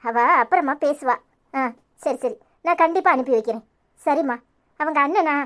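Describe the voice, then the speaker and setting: Here is a woman voicing a caring young friend in a cartoon with a Tirunelveli accent. The voice is high but calm. She soothes and reassures in a steady, gentle way. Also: normal speed. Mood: polite. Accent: Tirunelveli Tamil.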